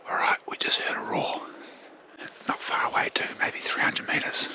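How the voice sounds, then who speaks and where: A man giving hushed, whispered vlog commentary. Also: moderate pace. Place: outdoors in bush by a swamp.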